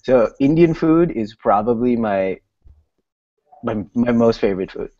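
A man's voice: mid-range voice, expressive, measured pace, warm tone, no room sound. A man from Sri Lanka co-hosting a travel podcast, chatting casually and laughing between phrases. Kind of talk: casual chat. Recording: dry, muffled lo-fi podcast audio.

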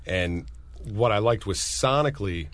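A man, a guitarist in a band, chatting casually in an interview, relaxed and rambling with many restarts. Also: on the low side, unhurried. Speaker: musician guest.

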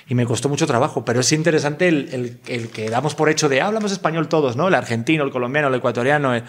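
A man from Spain with a Spanish accent, an actor guest in a casual podcast chat, rambling, swearing freely and mocking himself. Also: medium pitch. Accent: Spanish from Spain, mixed with Mexican slang.

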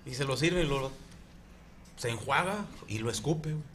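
A man's voice: medium pitch, expressive, moderate pace, a bit bright, slight background noise. A man with a Mexican Spanish accent, a podcast co-host telling crude jokes in casual chat, slangy and rambling. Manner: slangy, rambling storyteller full of fillers.

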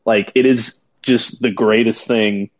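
Low-voiced excited man on a dull line. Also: takes it slowly. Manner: excited, laughing often. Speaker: podcast co-host. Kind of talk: casual sports talk.

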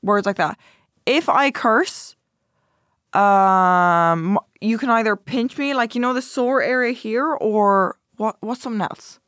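A woman streamer guesting on a podcast, chatting casually with teasing, quick banter. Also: a little high, a bit bright, dry recording, clean studio sound.

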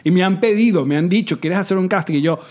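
A man's voice: high voice, fast talker, darkish tone. A man co-hosting a podcast, chatting casually, laughing often and chiming in with agreement. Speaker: podcast co-host. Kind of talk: casual chat.

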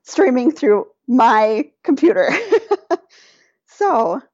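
A woman guest on a podcast telling a personal story in casual chat, animated, laughing often and quoting herself and others. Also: fairly high pitch, extremely slow, dry recording, dull audio.

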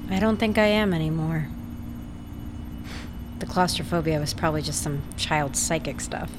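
A woman's voice: deep voice, normal speed, background noise, natural voice. A woman playing a blunt, resigned, fatalistic young woman in an audio drama. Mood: resolved.

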